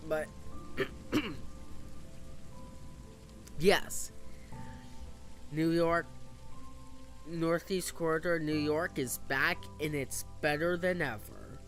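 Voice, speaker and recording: A young game streamer from the US East Coast commentates casually in a higher-pitched, slightly bright voice that sounds a little off from coughing. He speaks extremely slowly with frequent pauses, hesitating through many fillers and restarts while faint music plays behind him.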